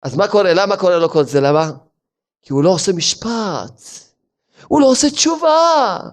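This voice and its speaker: A man, a rabbi, giving a sermon as a lively story full of rhetorical questions. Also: high voice.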